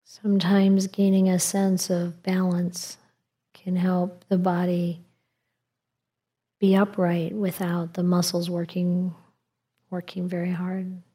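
Slow, calm, husky woman guiding meditation. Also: lowish voice. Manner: calm, gentle meditative delivery with long pauses. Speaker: meditation teacher. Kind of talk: guided meditation instruction.

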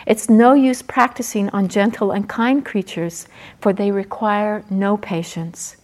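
A woman voicing a wise, patient male buffalo in a storybook, speaking slowly and softly. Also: mid-range voice, fairly even intonation, natural voice. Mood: gentle. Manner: slow, soft, measured.

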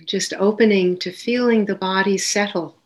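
Gentle, unhurried instructions with long pauses between phrases come from a woman leading a guided meditation as the teacher. Her voice is medium-pitched with fairly even intonation.

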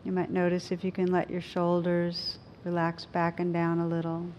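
A woman speaking as a meditation teacher, in a gentle, unhurried way with frequent pauses, as in a reflective talk or guided practice. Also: completely flat delivery. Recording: clear low rumbling background noise.

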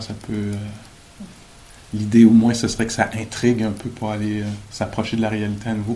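A man giving a dharma talk at a meditation retreat, thoughtful and gently joking, pausing often with fillers. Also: on the low side, slight background noise, poor audio. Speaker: meditation teacher.

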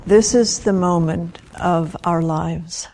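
A meditation teacher leads a guided meditation in a slightly low voice with fairly even intonation. She speaks very slowly and gently, in short phrases separated by long, unhurried pauses.

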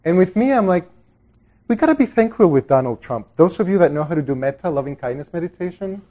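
Speaking fast and animatedly in a high, mellow voice, this middle-aged Salvadoran man is a Buddhist meditation teacher. He offers a group an informal dharma talk that is reflective and conversational, frequently trailing off into asides.

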